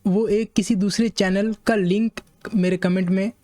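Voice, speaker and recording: An Indian man, an English teacher with an Indian accent, calmly explaining a point to his viewers and slowly reading passages aloud. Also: high voice. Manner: measured, repeats points, reads English slowly.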